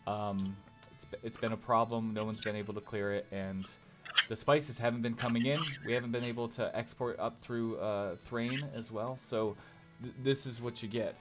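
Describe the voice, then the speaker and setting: A man voicing a put-upon male tavern keeper who talks gruffly and stammers when he is exasperated. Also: medium pitch, fairly even intonation, normal speed, loud music behind the voice, close to an everyday voice. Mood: weary.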